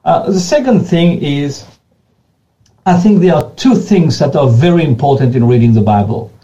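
The pastor answers interview questions without a script in a mellow voice that's a little high, expressive and at a moderate pace. Creole is his first language, and he earnestly repeats and restarts words as he goes. The sound is lo-fi.

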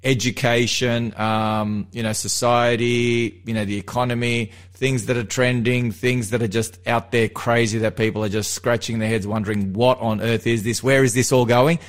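This Melbourne man hosts radio and presents seminars, and here he's in casual on-air chat about faith. His mid-range voice moves at normal speed with few pauses, and he's chatty, animated and full of jokes.

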